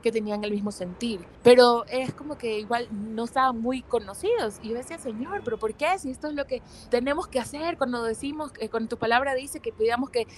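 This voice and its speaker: A young woman speaks as an interview guest, recounting her testimony. Her voice sits a little high, and she brings her story to life by acting out the lines she recalls. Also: brisk, hardly any pauses, slight background noise, rough recording. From Ecuador. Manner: lively storyteller who acts out quoted dialogue. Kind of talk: telling a personal testimony in conversation.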